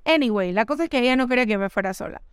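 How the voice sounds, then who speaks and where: A young woman tells animated travel stories on a casual podcast. Her voice sits a little high and is very clear, recorded close and dry. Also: very fast, no echo. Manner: lively, animated storytelling. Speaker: podcast co-host. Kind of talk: casual chat.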